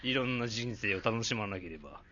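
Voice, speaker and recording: A man's voice: on the low side, lively intonation, a little fast, sharp tone, dull audio. A man playing a pompous, lecherous old academy head who speaks like a self-assured sage in a comic talk show. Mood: smug, playful.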